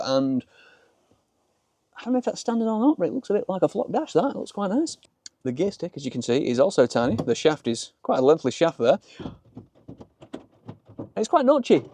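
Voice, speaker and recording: Filmed outdoors in and around a small open-top car, this casual car vlog features a Yorkshire man talking in chatty British slang. His voice is on the high side with a dark tone and no room sound, while car and outdoor ambience make the recording noisy.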